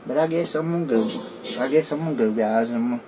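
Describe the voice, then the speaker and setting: A man's voice: medium pitch, rapid-fire. A man with slurred, lisping speech, chatting casually in a repetitive, apologetic ramble like a town drunk. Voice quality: slurred, lisping speech from a missing front tooth. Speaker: host of a spirit box session. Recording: dull, noisy lo-fi room recording.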